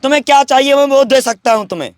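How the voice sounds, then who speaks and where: High-pitched boastful sadhu. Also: male voice, quick pace, no room sound. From Braj region, India. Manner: boastful, emphatic, preachy. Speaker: wandering sadhu interviewed. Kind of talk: rambling spiritual talk.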